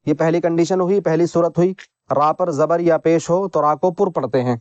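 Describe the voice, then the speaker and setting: A man teaching Quran reading rules in a patient lesson, repeating each point and spelling out letters slowly. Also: fairly high pitch, darkish tone, no echo, lo-fi sound. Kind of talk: slow instructional lesson.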